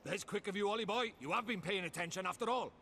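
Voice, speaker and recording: A gravelly little fairy. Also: male voice, high-pitched, quick pace, sharp tone, slight background noise. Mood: knowing. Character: chatty little male fairy sidekick, wise-cracking. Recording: game audio with faint ambience.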